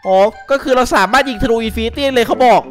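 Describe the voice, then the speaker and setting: A young man giving excitable, casual co-op game commentary, yelping and laughing often. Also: very high-pitched, quick pace. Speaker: gaming YouTuber. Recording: music playing behind.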